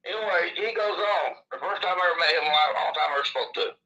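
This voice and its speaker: A man's voice: sits high, quick pace, pushed and bright, highs cut off. A man with a lisp from missing upper teeth, telling his story in a casual, rambling way. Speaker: interviewee recounting his own experience.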